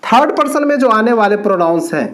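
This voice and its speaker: A man teaching an English grammar lesson, explaining slowly with drawn-out words and repeated points. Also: high-pitched, expressive, a bit bright.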